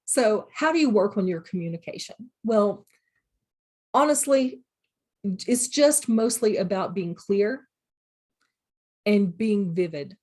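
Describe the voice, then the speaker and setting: A woman's voice: medium pitch, lively intonation, slow, pauses often, darkish tone. Middle-aged woman teaching a class, down to earth, talks thru examples from her own classroom. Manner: plainspoken, practical, uses personal classroom examples. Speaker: college instructor. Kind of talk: recorded classroom lecture.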